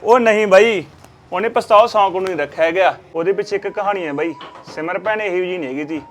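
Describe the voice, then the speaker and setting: A man's voice: high-pitched, quick pace, natural voice. A man playing a friendly young mechanic who reassures and explains. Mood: earnest. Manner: easygoing, reassuring. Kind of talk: Punjabi short film acting.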